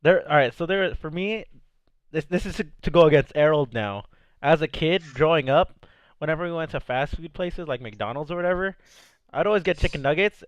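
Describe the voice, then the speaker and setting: A man's voice: a little high, brisk, clear, resonant tone, dry recording. A young man hosting a casual podcast, upbeat, chatting with friends and reading chat messages aloud. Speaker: podcast host.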